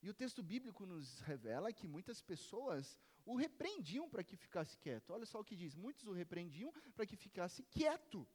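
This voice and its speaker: A man preaching a sermon as pastor, emphatic, his voice rising to shouts at the climaxes. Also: high voice, sing-song, normal speed, few pauses. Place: church sanctuary. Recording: reverberant church hall.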